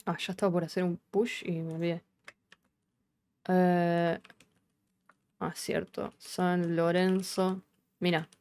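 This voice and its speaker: This Rioplatense Argentine woman streams her coding casually, musing aloud and cursing without hesitation. Her slightly low, a little mellow voice moves slowly and flatly, with frequent pauses.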